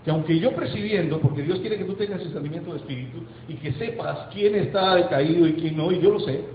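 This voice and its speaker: A man preaching as pastor, emphatic, asking rhetorical questions and slowing down for effect. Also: on the high side, roomy sound, dull audio, a little hiss or hum. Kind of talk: sermon. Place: church sanctuary.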